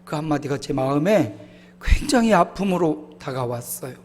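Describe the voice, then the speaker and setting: A man in his fifties preaches in a church with a high, bright voice. The sound rings with a long hall echo. His delivery moves from loud to hushed as he tells his story. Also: expressive, moderate pace. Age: 50s. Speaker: pastor. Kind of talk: sermon. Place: church sanctuary.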